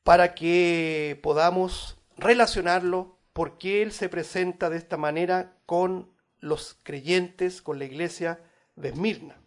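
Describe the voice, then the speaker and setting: A man preaching a Bible study sermon, addressing his listeners as brothers, growing loud on scripture and dropping quiet on asides. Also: slow pace. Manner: rises in volume on scripture, drops low on asides. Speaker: pastor.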